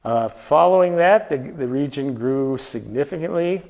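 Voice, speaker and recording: A man's voice: mid-range voice, animated, moderate pace, a little mellow. A man presenting a slideshow travel talk to a live audience, conversational, asking the room questions and often restarting his sentences.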